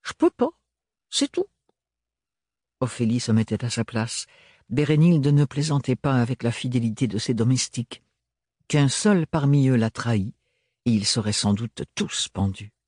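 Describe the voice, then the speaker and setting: Husky male audiobook narrator. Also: medium pitch, normal speed, mellow, no room sound, clean studio sound. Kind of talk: scripted narration.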